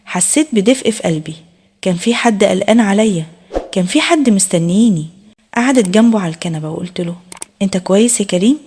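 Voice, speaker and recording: A woman with an Egyptian Arabic accent tells a first-person story in scripted narration. She reads at a brisk pace with a husky, breathy voice and keeps an intimate, even delivery. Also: mid-range voice.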